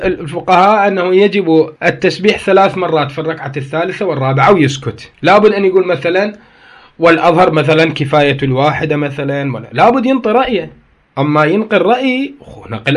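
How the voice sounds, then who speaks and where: A man with an Iraqi accent giving a grammar lesson, reading passages aloud and then explaining and disputing them, often repeating key phrases. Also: sits high. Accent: Iraqi Arabic. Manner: reads a text aloud, then explains and argues with it. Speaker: teacher. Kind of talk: grammar lecture.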